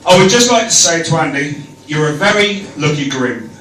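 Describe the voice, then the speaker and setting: A man's voice: on the high side, animated, normal speed, background noise. A man giving an informal, jokey wedding toast as best man, projecting his voice to a room. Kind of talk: informal wedding toast speech with comic rhyming verse. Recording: echoey room, picked up from far off.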